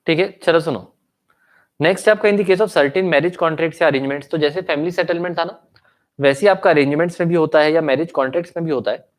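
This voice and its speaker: A man's voice: on the high side, brisk. A young Indian man teaching law in an online lecture, with a sore throat and an occasional cough, switching between Hindi and English and checking in with students with tag questions.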